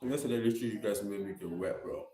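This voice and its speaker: A man's voice: fairly low pitch, rapid-fire, echoey room, a crowd in the background. A man casually chatting on a live stream while eating, greeting viewers. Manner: greets chat viewers by name.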